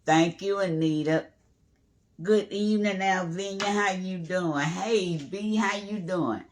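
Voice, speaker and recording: A man's voice: sits high, slow. A man hosting a casual live cooking stream from his home kitchen, chatting and greeting viewers by name as he cooks. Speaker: home cooking livestream host.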